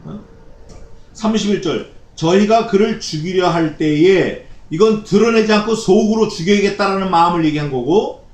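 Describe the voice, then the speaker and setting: A man with a high voice preaches through a passage of scripture. He keeps putting questions to the congregation and answering them himself. His voice rings around a roomy church sanctuary. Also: normal speed. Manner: acts out the figures in quoted shouts. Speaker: pastor. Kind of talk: expository sermon.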